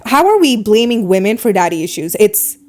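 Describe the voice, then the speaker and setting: With a medium-pitched voice and a foreign accent, a female podcast host lays out her opinions in relaxed chat, bursting into animated, fast stretches.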